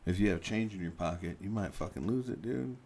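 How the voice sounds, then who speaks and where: A man's voice: deep voice, fairly quick, a loud crowd. A man co-hosting a casual podcast chat, laughing often, swearing, and explaining things to his friend. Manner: giggly, profane, explaining things. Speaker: podcast co-host.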